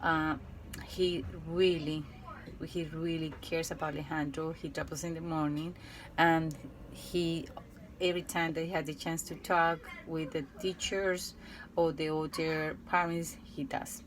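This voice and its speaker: A woman teacher with a Colombian Spanish accent and a low-pitched voice reads out a prepared report about a student. She speaks carefully and haltingly, restarting phrases and filling pauses. A faint hum of room ambience sits behind her. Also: flat delivery, poor audio. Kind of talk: reading a prepared case report.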